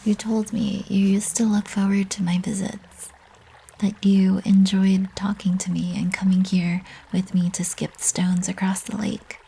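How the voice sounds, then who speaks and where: Woman acting a young succubus, whispered role-play, very breathy, slow, intimate, teasing, possessive ASMR sweetheart. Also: medium pitch, little pitch movement, heavily acted, poor audio. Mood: teasing, tender. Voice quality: breathy, soft.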